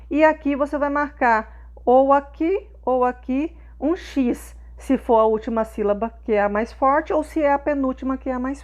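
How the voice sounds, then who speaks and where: Lady teacher explaining homework, kinda high voice, patient, keeps asking ok? tá?. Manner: patient, checks in often with questions. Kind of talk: explaining schoolwork to young pupils.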